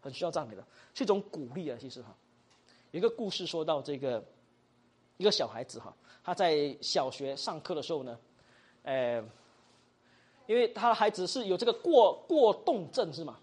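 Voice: medium pitch, expressive, moderate pace, darkish tone, breathy edge. A teacher giving a Bible study lesson, mixing in English words, often asking the class questions and tagging sentences with little particles. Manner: acts out example dialogues.

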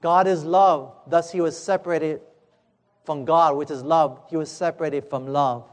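A man preaching a sermon, telling a parable in a dramatic, emphatic way and slowing down on key words. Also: a little high, fairly even intonation. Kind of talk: sermon storytelling. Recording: echoey hall.

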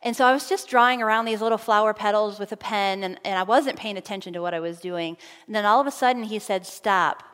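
A woman's voice: mid-range voice, fast, hardly any pauses, fairly bright tone, smooth. A woman giving a conversational sermon at a camp meeting, earnest and personal, telling stories with fillers. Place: meeting hall. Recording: long reverb of a large hall.

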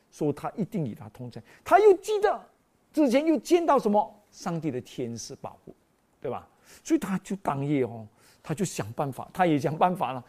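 A preacher giving an animated sermon in an exclamatory style, full of rhetorical questions put to the congregation. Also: mid-range voice.

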